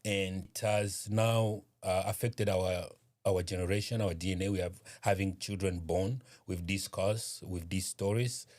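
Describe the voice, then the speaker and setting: A man from eastern Congo, speaking as a guest in an interview, measured and hesitant with many pauses and fillers. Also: low voice, fairly even intonation, darkish tone. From Eastern Democratic Republic of Congo. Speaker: guest, community organization founder. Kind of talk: interview conversation.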